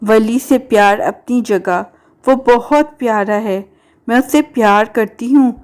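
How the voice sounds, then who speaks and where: A woman's voice: fairly high pitch, darkish tone, lightly acted. Woman voicing a principled young bride. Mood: earnest.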